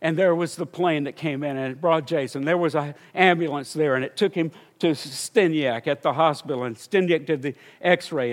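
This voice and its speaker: Older guy preaching, tells a story then gets all fired up, kinda high voice. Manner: storytelling, rising to fervent exclamations. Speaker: missionary preacher. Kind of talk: sermon.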